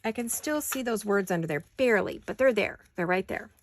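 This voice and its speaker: Chatty woman with a gravelly voice. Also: mid-range voice, animated, fairly quick. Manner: chatty, rambling, talks to herself as she works. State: hiccups. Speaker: crafting channel host. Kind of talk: casual crafting chat while working.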